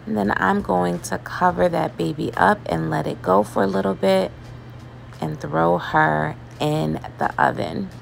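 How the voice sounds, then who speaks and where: A woman chatting casually as she cooks in her home kitchen, relaxed and loose, with laughs and fillers. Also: fairly low pitch, a little slow, gravelly, slight background noise. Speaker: home cooking vlogger. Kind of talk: casual cooking voice-over.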